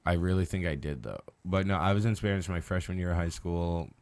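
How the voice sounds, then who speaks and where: Young male podcaster, deep-voiced, jokey and crude in loose conversation. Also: brisk, darkish tone, clean tone. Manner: joking, profane banter. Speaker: podcast co-host. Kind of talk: casual chat.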